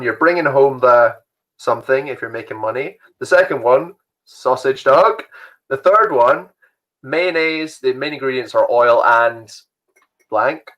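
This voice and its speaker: A man's voice: mid-range voice, highs cut off. A young man hosting an online youth quiz from home, chatty and rambling, laughing often. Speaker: youth group host.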